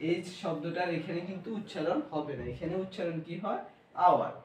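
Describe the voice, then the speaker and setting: A man's voice: on the high side, fairly quick, recorded from a distance, a little hiss or hum. Bangladeshi male teacher in an echoey room. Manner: asks the class questions and answers them himself. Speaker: English grammar teacher. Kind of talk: classroom grammar lesson.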